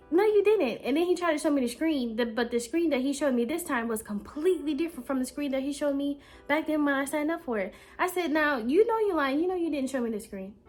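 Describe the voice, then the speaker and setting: Animated woman telling a story. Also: sits high. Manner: animated, quotes herself and others in dialogue, indignant. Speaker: vlogger. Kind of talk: casual storytime rant.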